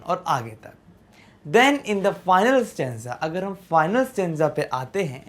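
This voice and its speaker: This is a woman teaching a poem lesson, her voice sitting low and her delivery slow and deliberate. She reads text, then breaks it down in Hindi, checking in with students again and again. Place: classroom-style video lesson.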